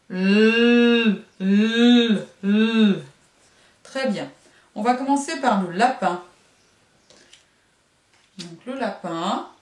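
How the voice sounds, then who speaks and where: Woman, teacher, young-child phonics, drawn-out sounds, echoey. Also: medium pitch. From France. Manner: slow, drawn-out syllables, sings sounds. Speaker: kindergarten teacher. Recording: echoey room, voice from a distance.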